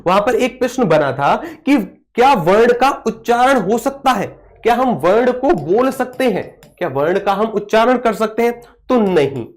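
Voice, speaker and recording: A man teaching a live online class, asking questions and answering them himself, and stopping to reply to viewer comments. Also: sits high.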